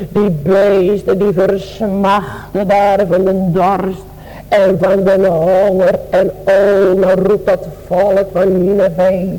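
A man's voice: high voice, a little mellow, in a large hall, rough recording. A man preaching a sermon in a chanting, sing-song cadence, pleading with his listeners as beloved.

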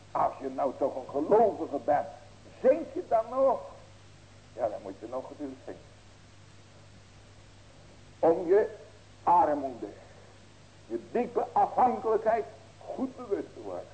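A male pastor preaches with a somewhat high but dark, mellow voice. He asks rhetorical questions and now and then breaks into loud, raised cries. A faint hum runs under this old sermon recording. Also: poor audio.

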